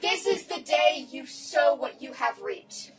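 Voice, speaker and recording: A woman voicing a vengeful fey queen who has possessed a hero, speaking in slow, commanding declarations. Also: sits high, expressive. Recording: distant mic with music behind.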